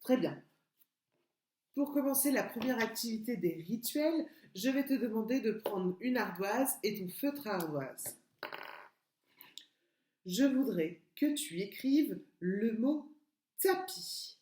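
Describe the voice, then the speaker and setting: A woman teacher leads young children through spelling, stretching out each sound and syllable with great patience. Her pace is unhurried and deliberate, and her voice carries a noticeable room echo, as if recorded on a laptop at home. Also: fairly high pitch, animated, darkish tone. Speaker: kindergarten teacher. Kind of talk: remote literacy lesson for young children. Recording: echoey room.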